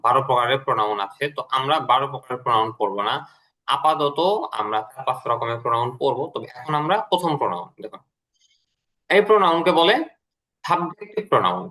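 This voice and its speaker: A male English teacher works through a lesson with a bright, clear voice and a middle pitch. He is patient and explains step by step, repeating each key word slowly. It sounds like an online class with his screen shared.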